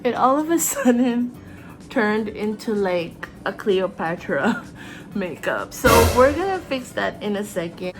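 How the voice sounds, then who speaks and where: A young Filipino-accented makeup vlogger chats bubbly through a tutorial in her small bedroom lit with fairy lights, talking as she applies makeup. Her medium-pitched voice is very animated and measured in pace, heard over music.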